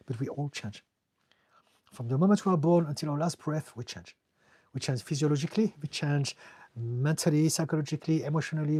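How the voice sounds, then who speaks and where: His voice is fairly high, mellow, and slightly rough, heard without echo. He's a French-accented therapist from France answering viewers on a live stream with casual, earnest, direct advice, sometimes repeating words while finding them.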